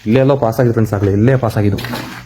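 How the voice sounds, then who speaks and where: A man telling a ghost story and exploring an abandoned house at night for his vlog, repeating words and shouting "hey" when something moves. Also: on the low side, racing, noisy background. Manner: repetitive storyteller, excited calls of "hey" when startled. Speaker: vlogger exploring a haunted house. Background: crickets and insects.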